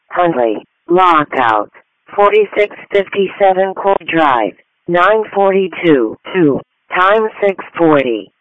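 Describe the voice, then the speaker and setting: A man's voice: high voice, no room sound. A male dispatcher announcing emergency calls in terse, formulaic phrases over a tinny radio channel.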